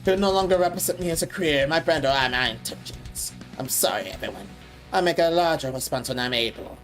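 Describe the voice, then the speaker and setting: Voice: mid-range voice, expressive, brisk, a bit bright, faint music behind, close to an everyday voice. A streamer doing a mocking witch voice. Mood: mock solemn. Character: mocking witch reading a statement.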